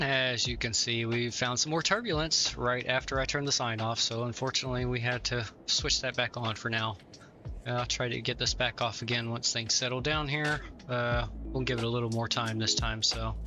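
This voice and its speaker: A man playing an airline captain making calm, courteous cabin announcements from the cockpit. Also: medium pitch. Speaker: flight simulator streamer. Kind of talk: formal pilot cabin announcement. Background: hip hop music playing clearly.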